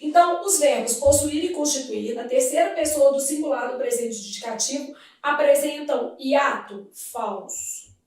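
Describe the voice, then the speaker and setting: A woman teaching a grammar lesson, explaining each point step by step and asking the class quick questions. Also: high voice, darkish tone. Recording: echoey room, far from the mic.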